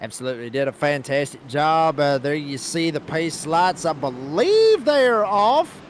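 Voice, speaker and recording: A man's voice: fairly high pitch, very animated, moderate pace, slight background noise. A man calling a race as lead commentator, with folksy, announcer-like play-by-play.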